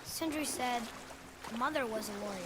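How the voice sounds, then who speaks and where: A man's voice: very high-pitched, moderate pace, heavy background noise. A young male actor playing a curious, earnest boy, a warrior's son, in a video game, eager and questioning. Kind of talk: cinematic video game acting.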